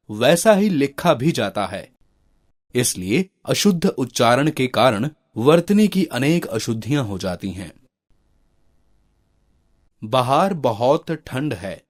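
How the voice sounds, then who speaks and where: A man narrating a scripted grammar lesson, slowly and deliberately reading out example words. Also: medium pitch.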